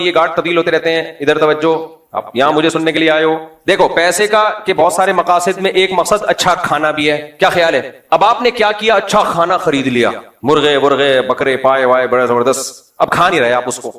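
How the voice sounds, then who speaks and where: A man's voice: high voice, fairly bright tone, reverberant, far from the mic. A man preaching to a live audience in a conversational, lightly joking way, full of rhetorical questions. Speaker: Islamic preacher. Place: lecture hall with an audience.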